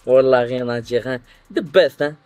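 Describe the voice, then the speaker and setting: A man's voice: medium pitch, darkish tone, clear, resonant tone, no room sound, faint music behind. A young adult man with a Moroccan accent, hosting a casual chat and mostly giving short nods of agreement. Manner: brief backchannels, quick asides. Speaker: host. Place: outdoor terrace on a sofa.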